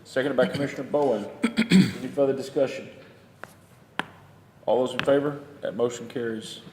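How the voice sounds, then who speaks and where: A man's voice: medium pitch, steady tone, normal speed, darkish tone. A man formally chairing a public meeting, reading agenda items in a procedural way. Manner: procedural, formulaic. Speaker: county judge chairing a meeting. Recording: echoey hall, long reverb, faint noise.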